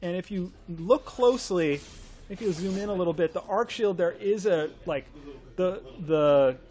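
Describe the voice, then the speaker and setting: Laughing often, a man hosting a game stream eagerly presents the latest skins in an update showcase. He speaks at a normal speed in a high voice with a somewhat dark tone.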